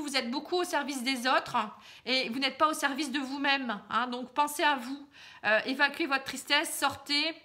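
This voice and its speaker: A woman with a high, bright voice giving a casual card reading straight to the viewer. She talks in a loose, chatty way, full of fillers and little tags. She keeps advising the listener gently. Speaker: card reader. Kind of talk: casual tarot reading to camera.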